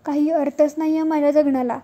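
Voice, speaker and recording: A woman's voice: high-pitched, fairly even intonation, fast, dark tone, dull audio, natural voice. A woman voicing a grief-stricken young woman in her own voice, speaking with hopelessness. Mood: despairing.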